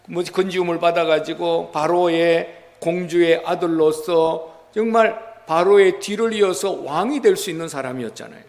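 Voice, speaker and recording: A male pastor delivers a Sunday sermon in a slightly raised voice with a gravelly edge. He speaks conversationally, turning to the congregation with rhetorical questions. The sound rings with the long reverb of a church sanctuary. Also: high-pitched.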